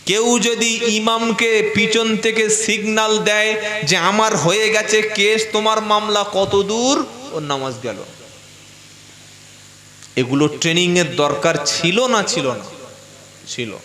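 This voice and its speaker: A male preacher, giving an animated sermon that quizzes the crowd and chants recitations. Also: high voice, slow pace. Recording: echoey hall.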